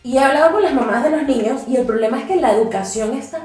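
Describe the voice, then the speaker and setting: Mexican woman on a podcast, pretty high voice, chatty and fed up, super echoey room, a little music. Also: animated, fast, a little mellow, distant mic. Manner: chatty, exasperated about schooling, laughs often. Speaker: co-host, English teacher. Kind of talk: casual podcast chat.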